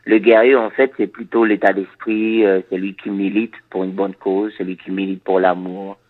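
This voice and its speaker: This man, a reggae artist from Suriname whose first language is Dutch, pauses and repeats himself a lot while thoughtfully answering an interviewer. He speaks low and flat, and the audio is narrow and tinny.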